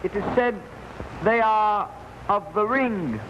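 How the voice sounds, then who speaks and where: A man's voice: sits high, slow pace, noisy background. A servile henchman on a 1950s TV broadcast. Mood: deferential. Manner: deferential, broken English. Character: servile male henchman reporting to his master. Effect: dull, echoey 1950s TV broadcast recording. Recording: muffled old TV soundtrack with hall reverb.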